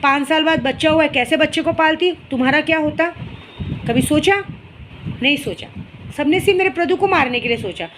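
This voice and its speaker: A woman's voice: high voice, fairly quick. A young woman speaking straight to the viewer, confronting and scolding a rival in a heated, emotional monologue, with faint noise behind her. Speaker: vlogger addressing a rival. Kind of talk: emotional direct-to-camera monologue.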